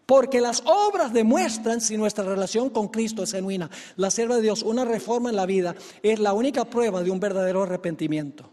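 Man, preacher, sermon, high voice, lively storyteller, hall reverb. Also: a little fast, hardly any pauses. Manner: lively storytelling, addresses the congregation directly.

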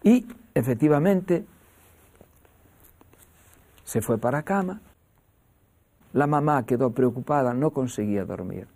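Male preacher, slow and gravelly, animated storyteller. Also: medium pitch. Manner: animated storyteller, acting out voices. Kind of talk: sermon storytelling.

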